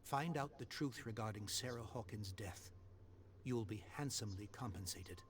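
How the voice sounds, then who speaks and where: An actor playing a stern, grieving older father who speaks in a formal, insistent, measured way. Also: on the low side, natural voice. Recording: noisy game audio.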